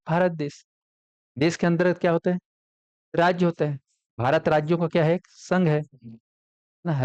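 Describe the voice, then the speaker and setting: A man's voice: on the high side, darkish tone, no echo. A man teaching an exam coaching class, constantly asking his students questions and answering them himself. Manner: quizzes students with frequent call-and-response questions. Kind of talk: classroom lecture.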